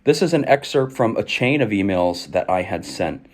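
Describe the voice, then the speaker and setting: A man's voice: on the low side, expressive, normal speed. A man in his twenties telling a personal story and reading aloud from old emails, explaining things in articulate, formal wording. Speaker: video creator recounting own past.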